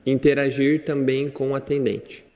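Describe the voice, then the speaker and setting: A man's voice: mid-range voice, level tone, moderate pace, darkish tone, big-room sound. A man with a Brazilian Portuguese accent teaching an English lesson in a direct, chatty way, talking straight to the viewer. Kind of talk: casual online lesson.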